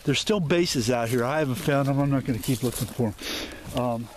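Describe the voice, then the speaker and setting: An explorer vlogger rambles as he walks through dense, overgrown woods, filming on a handheld camera mic. His mid-range voice moves at a moderate pace, full of fillers and restarts, over a little hiss or hum.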